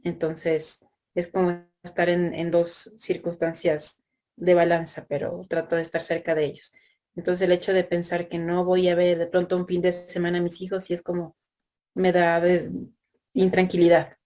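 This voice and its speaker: A woman's voice: on the low side, monotone, mellow. A woman student, talking hesitantly in a spontaneous conversation. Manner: hesitant, halting. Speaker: workshop student.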